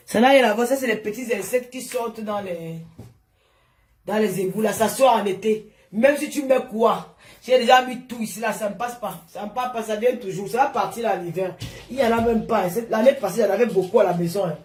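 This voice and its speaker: A woman's voice: medium pitch, brisk, a little mellow, soft background music. A woman streaming live from home on her phone, chatting with followers, showing items to the camera and scolding viewers who comment. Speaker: social media influencer.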